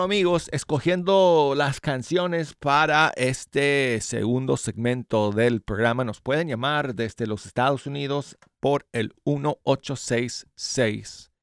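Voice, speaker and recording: Slow-talking male radio host with braces. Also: mid-range voice, a bit bright, clean tone, no room sound, clean studio sound. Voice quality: slurred, lisping speech from new dental braces. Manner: friendly, informal, joking at himself. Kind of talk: live radio music show hosting, chatty. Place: radio studio. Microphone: close studio microphone.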